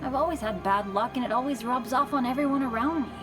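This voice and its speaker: Woman voicing Bennett, earnest high-pitched boy. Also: quick pace, natural voice. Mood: apologetic. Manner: boyish, earnest. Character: unlucky teenage boy adventurer, earnest, upbeat, apologetic. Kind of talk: animated video game voice acting. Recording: music underneath.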